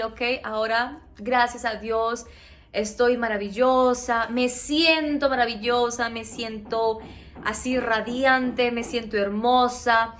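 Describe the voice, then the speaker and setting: A woman with a Mexican accent speaks in a high voice, unhurried and drawn out. She tells a personal story to her viewers in a chatty, animated way. She keeps checking in with them as she goes. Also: slight background noise. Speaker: vlogger. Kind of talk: casual storytime.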